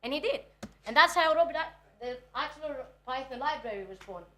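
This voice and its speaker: Her voice sits high, pushed and bright, animated and brisk. A native Greek speaker from Greece in her twenties, she delivers a conference research talk in a nervous, chatty manner, often putting herself down.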